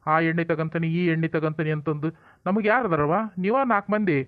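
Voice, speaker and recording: Actor as a firm North Karnataka village elder, high and quick, tinny dry sound. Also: male voice, no echo, natural voice. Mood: soothing. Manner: firm, scolding, then soothing. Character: stern but caring village father-in-law. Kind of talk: village comedy drama acting.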